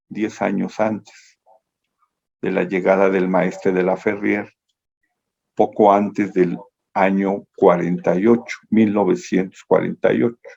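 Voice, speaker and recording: Male lecturer on a video call. Monotone, low-pitched, meandering delivery that keeps circling back to correct itself. Dull lo-fi call audio. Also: vocal fry. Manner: meandering, self-correcting storytelling.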